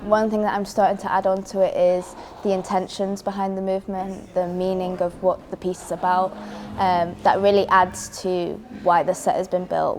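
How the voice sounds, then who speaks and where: A young woman dancer from England speaks in a documentary interview. Her voice sits a little low, and she talks through her training in an earnest, reflective way. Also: darkish tone, a little hiss or hum.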